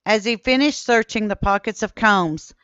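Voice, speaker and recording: A woman giving scripted documentary narration in a steady, measured reading style, quoting old newspaper sources. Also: mid-range voice, clear, resonant tone, no echo, dull audio. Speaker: history channel narrator.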